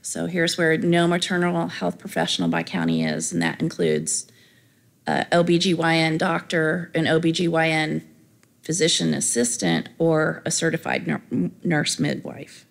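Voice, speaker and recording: Woman presenting at a conference, deep voice, really gravelly, some ums. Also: moderate pace. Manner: gravelly, with fillers.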